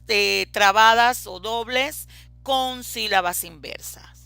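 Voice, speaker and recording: A woman lectures in a bright, rather high voice, talking slowly and methodically as she explains each point. She pauses on hesitant fillers now and then. The sound is dry and close, with no room around her. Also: no room sound. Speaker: teacher. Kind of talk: lecture on reading and writing.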